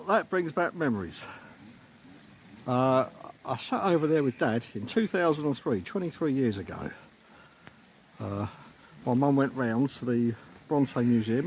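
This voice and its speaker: Man's casual travel vlog, noisy phone recording. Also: mid-range voice. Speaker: holiday vlogger. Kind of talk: casual narration of sightseeing on a phone camera. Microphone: handheld phone. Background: clear ambient noise, sometimes rain.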